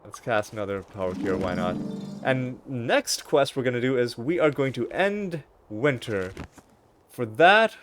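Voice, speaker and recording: A man's voice: medium pitch, expressive, measured pace, a bit bright, faint music behind. A man hosting a let's play, talking through a game casually with wry, rambling asides and frequent self-corrections. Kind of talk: casual gameplay commentary.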